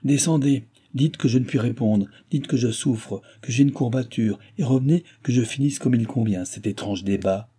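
A man's voice: medium pitch, moderate pace, few pauses, mellow, breathy edge, natural voice. A man voicing a proud, disdainful young noblewoman in an audiobook reading. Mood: commanding. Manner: imperious, disdainful. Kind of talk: audiobook character voice.

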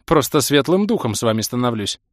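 A man voicing a sly, sharp-tongued woman battle mage in an audiobook, with a mocking manner. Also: mid-range voice, sing-song, brisk, dry recording, clean studio sound, lightly acted. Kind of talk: audiobook character voice.

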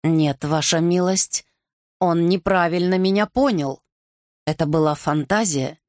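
A woman's voice: on the low side, measured pace, a little mellow, no room sound, clean studio sound, close to an everyday voice. A woman reader voicing a young, frightened male poet who answers timidly and apologetically.

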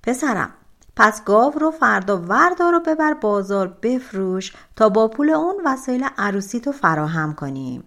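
A woman storyteller voicing a calm, fatherly older village farmer talking to his son. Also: a little high.

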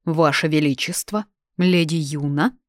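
Woman doing a loyal secretary guy, firm and respectful, low voice. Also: a little slow, dry recording, studio quality. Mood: dutiful. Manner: firm, deferential. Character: loyal royal secretary, man, firm and dutiful.

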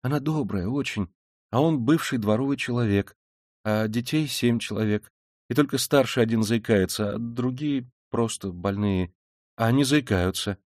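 A man reading an audiobook, voicing a timid, pious young woman who talks in a hurried, pleading way. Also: mid-range voice, a little mellow, no room sound, clean studio sound, lightly acted. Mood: earnest. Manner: hurried, breathless, rising into agitated pleading.

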